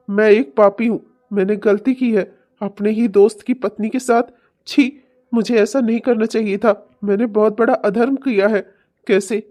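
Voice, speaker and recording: A woman voicing a guilt-ridden husband and father of two in a cartoon drama, harsh and shouting, then sunk in self-blame. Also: a little high, lightly acted. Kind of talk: cartoon voice acting.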